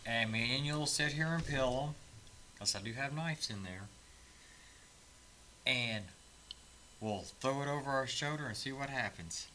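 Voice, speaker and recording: Man podcast co-host, laid-back, joking, very slow delivery, bright tone. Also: medium pitch, a little hiss or hum, low-quality recording. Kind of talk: casual chat.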